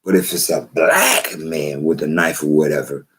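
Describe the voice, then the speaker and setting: A man's voice: extremely low pitch, fairly even intonation, normal speed, fairly bright tone. A man talking to camera in a preachy, emphatic way, often repeating himself. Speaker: vlogger. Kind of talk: slow spoken commentary to camera.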